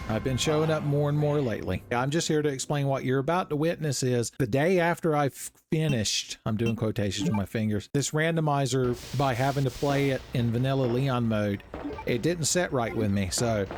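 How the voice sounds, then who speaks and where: A man's voice: mid-range voice, a little fast. A man hosting a gaming video with casual comedic commentary, wry, mock-dramatic and sweary. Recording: music behind commentary.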